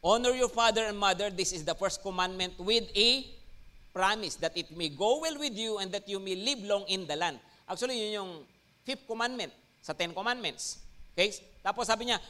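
A Filipino man preaching from the pulpit in a fairly high voice. He swings between Tagalog and English, pushing key words up and out with bursts of emphasis. He keeps checking in with his listeners as he goes. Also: normal speed, pushed and bright. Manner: mixes Tagalog and English, frequent "no?" and "Amen?" check-ins. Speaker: pastor. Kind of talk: sermon.

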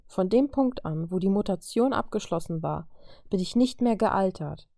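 A woman voicing a troubled, gentle young mutant woman in an audiobook reading, speaking softly and hesitantly. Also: medium pitch, expressive, normal speed, vocal fry, dry recording, clean studio sound. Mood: subdued.

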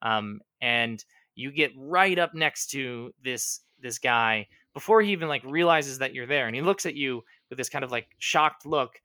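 Man, game master, tabletop narration, rambling, bright tone. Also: medium pitch, normal speed, no echo, clean studio sound. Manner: rambling, lots of fillers and self-corrections.

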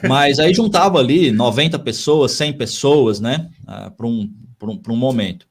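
A man's voice: mid-range voice, expressive, moderate pace, husky. A man who is a missionary pastor, talking in a casual podcast conversation, earnest and given to repeating his phrases.

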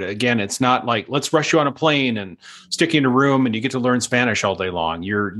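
A man's voice: fairly low pitch, a bit bright. A man hosts a casual interview, talking in a loose, friendly way. He rambles through asides and returns to the guest with enthusiasm. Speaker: host.

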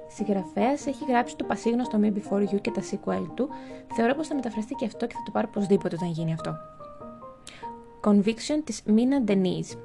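Woman, young adult, gravelly, chatty wry book talk, music behind. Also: mid-range voice. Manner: chatty, wry asides, stumbles over English titles. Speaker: book vlogger. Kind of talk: casual book review narration.

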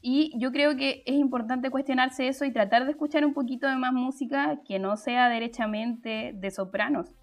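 Woman, young adult, live-stream host, chatty explaining, fillers and restarts, fairly high voice. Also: moderate pace, hardly any pauses, soft background music. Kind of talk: explanatory live-stream talk answering chat.

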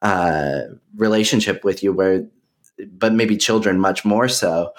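A man hosting a podcast over a video call, talking in a relaxed, hesitant way with many fillers. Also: deep voice. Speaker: podcast host. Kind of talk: casual conversation.

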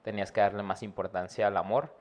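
A Mexican man co-hosts a podcast in quick, tumbling speech. He rambles and jokes his way through casual chat. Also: on the low side, steady tone, darkish tone. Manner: chatty, jokey, rambling. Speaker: podcast co-host.

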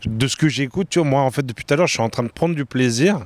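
A man who grew up in France, a guest in a relaxed interview, telling stories in informal slang. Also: mid-range voice, quick pace, no room sound. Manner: animated storytelling, informal slang. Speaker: guest entrepreneur. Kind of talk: casual interview chat.

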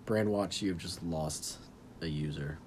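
A man's voice: low voice, measured pace, darkish tone, slight background noise. A young man co-hosting a podcast, casual chat with crude, teasing humor. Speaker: podcast co-host.

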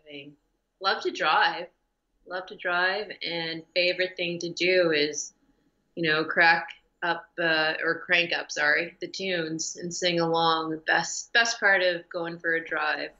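A woman in casual chat, reacting quickly and making playful jokes. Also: on the low side, steady tone, bright, forceful tone. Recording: dull lo-fi sound.

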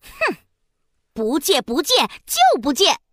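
Bratty Princess Iron Fan, very high. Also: female voice, huge pitch swings, a little slow, bright, forceful tone, no echo, studio quality, heavily acted. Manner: huffy, scolding, sulky. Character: haughty, bratty young female princess. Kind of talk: children's storybook voice acting.

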